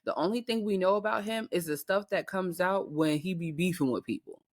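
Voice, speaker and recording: A woman's voice: fairly low pitch, fairly quick. An American woman co-hosting a podcast, chatting casually and emphatically in slangy speech with pointed rhetorical questions. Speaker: podcast co-host. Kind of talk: casual opinionated chat.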